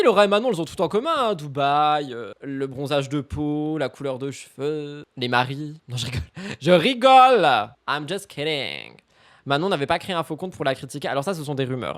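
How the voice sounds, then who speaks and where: A man hosting a live gossip stream, mocking and ranting as he reacts to clips, slipping English phrases into his talk. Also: mid-range voice.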